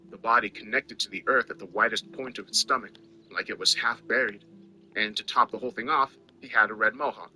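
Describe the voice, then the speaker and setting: A man's voice: lowish voice, a little fast, pushed and bright, faint music behind, low-quality recording. A man narrating a scripted first-person story in a wry, conversational way.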